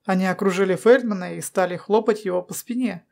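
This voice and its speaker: A woman narrating an audiobook in a steady storytelling manner. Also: medium pitch, brisk, gravelly. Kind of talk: scripted narration.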